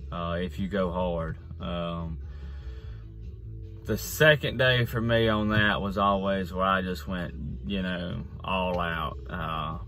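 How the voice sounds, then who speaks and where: A man talks off the cuff in a car, halting and rambling in a folksy, casual vlog way. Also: low-pitched, a bit bright. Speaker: fitness vlogger. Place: inside a parked car.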